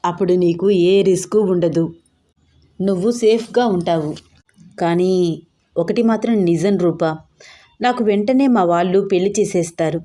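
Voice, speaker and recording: A woman's voice: on the low side, measured pace, pauses often, warm tone, natural voice. A woman voicing a pushy, sly young man in a story.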